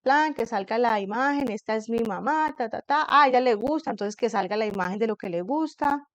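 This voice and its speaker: A woman teacher explaining a class assignment to her students in a patient way, reading English example sentences slowly and carefully. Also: a little high, animated, no echo, rough recording. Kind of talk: recorded online class explanation. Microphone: computer screen recording.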